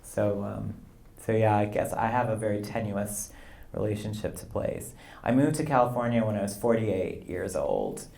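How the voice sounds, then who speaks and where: A man in his fifties, a poet being interviewed, talking in a relaxed, rambling way with frequent "you know" and light laughs. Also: fairly low pitch, normal speed, vocal fry. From Canada and the U.S. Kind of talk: conversational interview. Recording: roomy live event sound.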